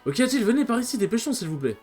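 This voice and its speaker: A man voicing a bossy, self-important male bird Pokémon from a video game, with a shrill, witch-like voice and a haughty way of snapping orders. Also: big pitch swings, rapid-fire, darkish tone, faint music behind, full character voice. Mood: pompous. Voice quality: shrill witch-like voice, man's version.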